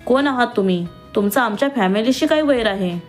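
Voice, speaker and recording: A woman voicing a gentle, anxious young wife who talks in a pleading way. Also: a little high, lively intonation, fairly quick, faint music behind, lightly acted.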